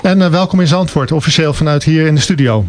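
Male radio host, easygoing, wraps up the show, fairly high voice. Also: fast, faint music behind. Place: radio studio.

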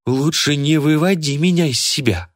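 A man's voice: moderate pace, no echo, clean studio sound, close to an everyday voice. A man voicing a hot-tempered young woman who snaps and shrieks when offended. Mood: indignant. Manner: shrill outbursts.

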